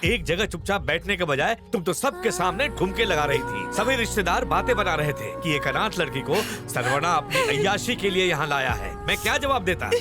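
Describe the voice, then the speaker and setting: A man's voice: high-pitched, very animated, brisk, few pauses, over loud music. An actor playing a stern middle-aged businessman father in a dubbed film, lecturing with scorn. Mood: scolding.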